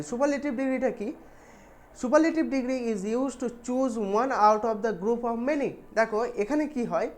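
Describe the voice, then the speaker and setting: A young woman with a Bengali accent teaching an exam-prep grammar lesson. She explains patiently, speaks straight to her students and reads English examples slowly. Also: fairly high pitch, a little mellow.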